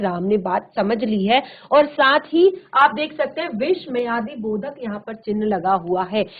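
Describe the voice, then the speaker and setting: A woman Hindi teacher leading a virtual classroom lesson, explaining slowly and deliberately with frequent pauses. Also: on the high side. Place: studio. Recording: tinny, phone-like narrow sound.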